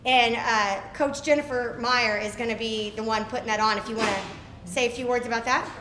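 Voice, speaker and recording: A woman's voice: a little high, steady tone, a little fast. A woman hosting a club meeting, giving casual announcements in a chatty, upbeat way with fillers. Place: running store meeting room. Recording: echoey room, faint noise.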